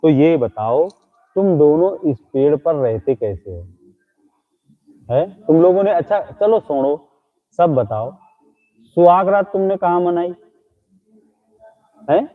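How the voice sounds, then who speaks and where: A man hosts a comedy live stream, heaping teasing insults on ghosts he pretends are in front of him. His voice sits a little high. The sound is thin and tinny, like it's coming through a phone. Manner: mocking, scolding, teasing insults. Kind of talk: comic live stream talking to imagined ghosts.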